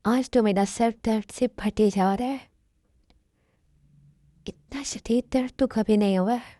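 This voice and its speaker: A woman voicing a gentle, hurt young wife who pleads softly, in a fan dub. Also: fairly high pitch, a little slow, slight background noise, lightly acted. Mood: weary. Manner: soft, pleading.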